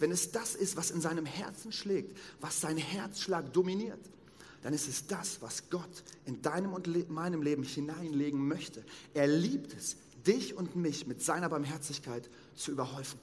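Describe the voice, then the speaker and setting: A man, a pastor, preaching a sermon with emphatic, slow stressed phrases, recorded in a church hall. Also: a little high. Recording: long reverb of a church hall.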